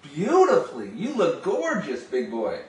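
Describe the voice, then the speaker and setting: A middle-aged man working as a video phone sales rep chats casually and gushes with enthusiasm while demonstrating a product and talking on a call. His fairly high voice swoops wildly in pitch at a measured pace. He was recorded indoors in a small home office by a camera a few steps away, giving a roomy, distant sound with hiss.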